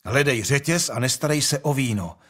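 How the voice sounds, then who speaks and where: A man's voice: mid-range voice, fairly bright tone, voice pushed up, natural voice. A man voicing a young, imperious and impatient king in an audiobook, speaking in a commanding, brusque way.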